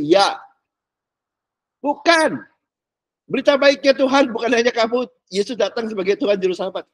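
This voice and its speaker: A man's voice: very high voice, fairly bright tone, dry recording. Blunt joking man preaching. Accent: Jakarta. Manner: blunt joking slang, reads scripture aloud. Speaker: pastor. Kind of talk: sermon.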